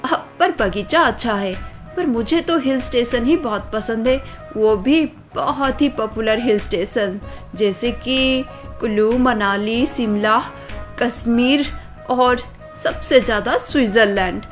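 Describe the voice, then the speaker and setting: A spoiled rich young city girl, played by a woman storyteller, brags and sulks in a dismissive, drawn-out way. The voice sits a little high. Soft music plays underneath the storybook audio. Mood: snooty. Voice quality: boastful, dismissive, drawn-out complaining. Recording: faint background music.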